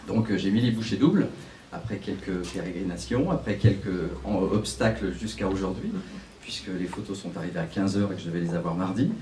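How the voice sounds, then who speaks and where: A man's voice: sits low, fairly quick, a little mellow. Middle-aged man, chatty, distant echoey mic. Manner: chatty, repeats words as he goes. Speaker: photographer presenting his exhibition. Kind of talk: casual speech to an audience. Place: small gallery, indoors. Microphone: handheld mic. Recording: distant mic in echoey room with faint crowd noise.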